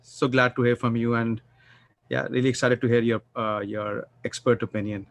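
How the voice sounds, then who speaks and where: A man hosts a formal panel discussion over a video call. He speaks in a measured, even way and pauses now and then on fillers. His voice sits mid-range and sounds dry and close, with no room echo. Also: medium pitch, creaky. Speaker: panel moderator. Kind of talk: formal panel introduction and moderation.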